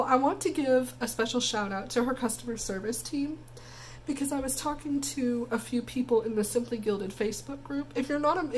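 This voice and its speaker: A woman planner vlogger with a croaky voice from bronchitis, chatting casually and gushing through an unboxing. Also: a little high, darkish tone, slight background noise, rough recording.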